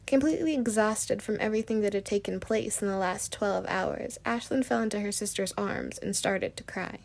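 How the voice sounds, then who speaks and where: Woman reading a fan story, slightly gravelly. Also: medium pitch, moderate pace, darkish tone. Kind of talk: amateur storybook narration.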